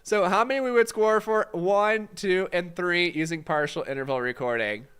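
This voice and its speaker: An exam prep instructor runs a casual live-stream study session, answering chat questions with plenty of fillers. His high, slightly bright, smooth voice sounds congested and fades, and he speaks at a moderate pace.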